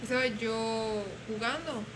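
A young woman telling stories in casual chat, animated and acting out voices. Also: on the high side, slow pace. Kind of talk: casual storytelling. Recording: noisy room.

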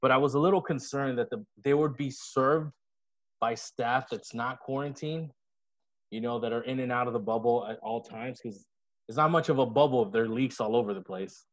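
A man's voice: mid-range voice, moderate pace. A man co-hosting a casual podcast chat, talking in a loose, profane and jokey way. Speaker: podcast co-host. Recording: slightly dull lo-fi sound.

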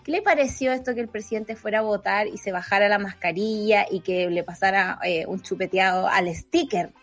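A woman's voice: medium pitch, brisk, soft background music. A woman, hosting radio with casual, teasing comedy banter and frequent laughter. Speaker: radio host.

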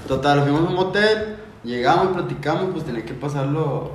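On a podcast mic, a male guest with a Mexican Spanish accent tells a crude, slang-filled story, saying "güey" constantly. His voice is a little high and fairly quick, with reverb and a faint hiss or hum.

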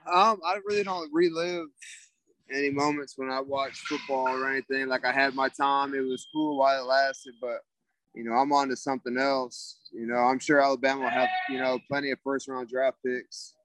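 Laid-back male fighter, flat monotone, relaxed interview answers. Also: medium pitch, normal speed, dry recording, rough recording. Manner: laid-back, mellow, many "you know" fillers. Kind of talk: casual interview.

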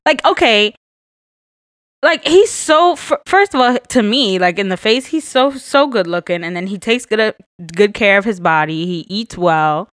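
A woman co-hosting a podcast in casual chat, talking in an animated and emphatic way. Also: medium pitch, unhurried, dry recording. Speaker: podcast co-host.

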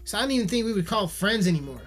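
A man's voice: sits high, lively intonation, racing, a bit bright, soft background music. Heated, foul-mouthed man ranting. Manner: heated, swears constantly, repeats himself. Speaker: musician ranting on camera. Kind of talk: profane video rant.

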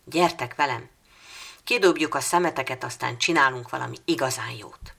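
In a storybook reading, a woman with a low, creaky voice plays an earnest, determined young girl, sounding eager and pleading. Her tone is fairly bright and the performance heavily acted.

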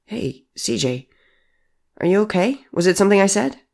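A storyteller voicing Aaron, a gentle, caring young man who speaks earnestly and reassuringly. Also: medium pitch, expressive, normal speed, creaky, voice pushed up. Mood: concerned. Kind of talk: audiobook character voice.

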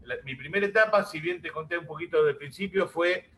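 On a rough recording with some hiss or hum, a middle-aged man from Santa Fe, Argentina, a musician and music teacher, talks casually in an interview by video call. His rioplatense voseo comes out brisk, a little high and fairly bright.

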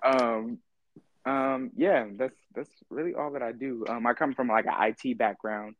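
A man's voice: medium pitch, dry recording, phone-quality sound. Laid-back young man with a dry sound. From California. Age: 20s. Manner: laid-back, halting, full of ums and laughs. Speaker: podcast guest, rapper. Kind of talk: casual interview chat.

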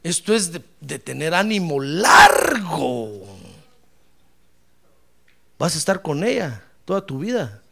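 A man's voice: on the high side, animated, moderate pace, creaky, hardly any pauses. A man preaching a sermon, stretching key words and calling on the congregation to repeat them. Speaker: pastor.

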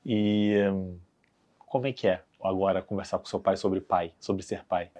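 A man's voice: low voice, flat delivery, moderate pace, mellow. A man from Brazil hosting a podcast, chatting casually and putting in short, encouraging remarks. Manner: brief, encouraging interjections. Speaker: podcast host. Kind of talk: casual chat.

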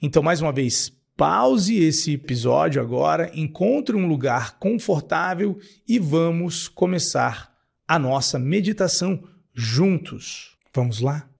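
Husky, creaky man introducing a guided meditation. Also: fairly high pitch, expressive, a little slow. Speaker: guided meditation podcast host.

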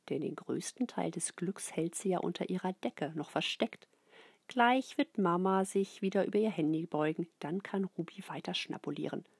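A middle-aged woman reads a children's book aloud. Her voice is breathy and close, with a dry sound and no room echo. She is expressive and often sinks into soft whispers. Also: lowish voice. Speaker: narrator.

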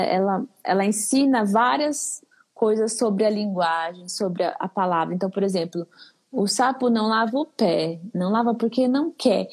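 A woman with a Brazilian Portuguese accent speaks as a guest expert in a casual interview. Her voice sits a little high and has a husky, breathy edge. She explains in a lively way and acts out little examples. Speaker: speech therapist guest.

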